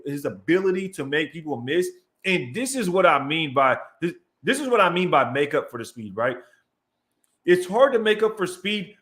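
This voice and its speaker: A young man hosting a casual livestream, reading viewer comments and getting worked up while breaking down game film. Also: a little high. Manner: animated, breaks down game film with excited outbursts; reads out chat messages and gives shout-outs. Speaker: show host.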